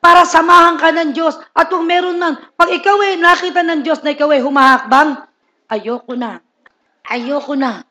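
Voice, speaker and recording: A man preaching a sermon in a humorous, lively way, often asking the congregation for agreement and acting out people's lines. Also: extremely high pitch, brisk. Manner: humorous, asks the crowd "Di ba?" often. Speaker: pastor.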